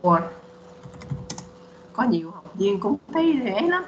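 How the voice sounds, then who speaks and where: A woman's voice: mid-range voice, big pitch swings, unhurried, echoey room, dull audio, slight background noise. A woman teaching English on a video call, patiently repeating words for students to practice. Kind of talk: online bilingual English lesson.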